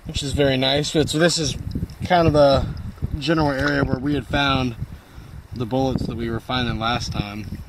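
A man's voice: medium pitch, steady tone, normal speed. A young man chatting casually as a treasure hunter on a vlog. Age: young adult. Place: outdoors, on lawn and river water. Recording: noisy outdoor handheld camera audio.

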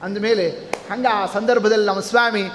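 High-voiced preacher in a hall. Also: male voice, normal speed, a little hiss or hum. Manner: animated, asks the audience questions. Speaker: religious discourse speaker. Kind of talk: storytelling sermon. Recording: long hall reverb.

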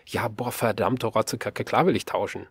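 A man reading the lines of a gruff, blunt, crude-talking teenage boy boxer in an audiobook. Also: fairly low pitch, moderate pace, dry recording. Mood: exasperated. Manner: blunt, swears casually.

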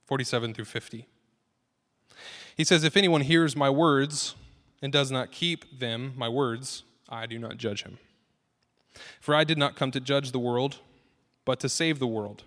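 A man's voice: mid-range voice, unhurried, pauses often, a bit bright. A man in his thirties, a pastor giving an earnest, conversational sermon that builds in emphasis. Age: 30s. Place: church sanctuary. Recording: long reverb of a church hall.

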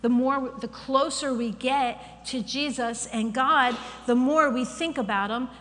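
A woman with a bright, somewhat high voice preaches a personal testimony from a church stage microphone. Her storytelling is candid and animated, with self-deprecating humor, and a long sanctuary reverb trails each phrase over a faint room hum. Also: unhurried. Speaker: church speaker sharing a testimony. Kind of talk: sermon testimony.

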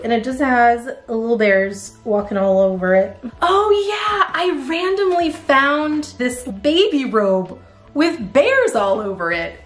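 A young woman vlogger chatting casually about a haul, bubbly and gushing, often slipping into a cutesy baby voice. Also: fairly high pitch. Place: outdoors in bright sun. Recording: roomy echo.

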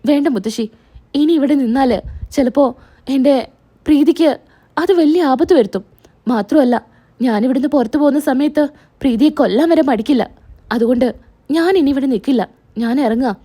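A woman's voice: sits high, normal speed, pauses often, dark tone, natural voice. A woman retelling a remorseful young husband. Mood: resolute. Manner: pleading, remorseful. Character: heartbroken young husband, apologetic and protective.

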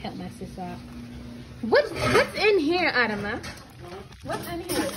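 A young woman chatting casually in a home vlog, relaxed and rambling with fillers, filmed on a phone held at arm's length. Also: high voice, unhurried, heavy background noise. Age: young adult. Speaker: vlogger. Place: home, kitchen and bedroom indoors.

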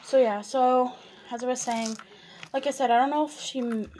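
A young woman talks casually to her viewers while eating dinner. Her voice sits a little high, and she rambles with many fillers and restarts. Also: fairly even intonation, normal speed, warm tone, a little hiss or hum. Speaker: vlogger.

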